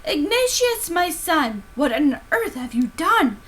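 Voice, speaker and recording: Storybook mother, voiced by a woman narrator: exclamatory, easily appalled, very high and highly animated. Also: slow pace, full character voice. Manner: dramatic, exclamatory.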